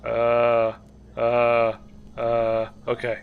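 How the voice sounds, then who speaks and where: A man's voice: mid-range voice, completely flat delivery, extremely slow, creaky, phone-quality sound, faint music behind. A man streaming a video game, making joking, sarcastic asides as he plays. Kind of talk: live game commentary.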